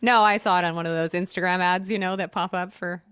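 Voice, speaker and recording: A woman's voice: on the low side, fairly even intonation, fast talker, fairly bright tone. A woman in her thirties co-hosting a casual podcast over a video call, bubbly and teasing, giggling often. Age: 30s. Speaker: podcast co-host. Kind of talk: casual chat.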